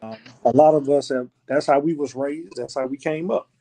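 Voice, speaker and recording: A man co-hosting a live online talk show, speaking in a relaxed, playful way. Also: fairly high pitch, normal speed, rough recording. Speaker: co-host. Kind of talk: casual live-stream talk.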